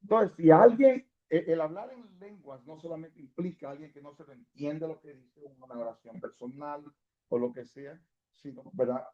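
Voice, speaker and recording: A man's voice: fairly high pitch, normal speed, muffled recording. A man from El Salvador teaching a Sunday school class at church, speaking conversationally and often checking in with his listeners. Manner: mixes in English words.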